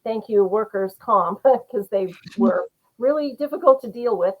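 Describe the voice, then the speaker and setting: A woman's voice: a little high, expressive, unhurried, phone-quality sound. A middle-aged woman, a guest author on a podcast interview, talking in an earnest, rambling way with lots of fillers. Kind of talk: casual interview chat.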